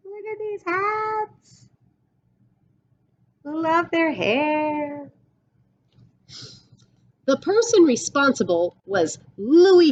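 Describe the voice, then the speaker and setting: A middle-aged woman teacher reads a storybook aloud in an indoor, classroom-like room, adding explanatory asides in an expressive, deliberate way. Her voice is high-pitched, and the webcam sound is slightly dull.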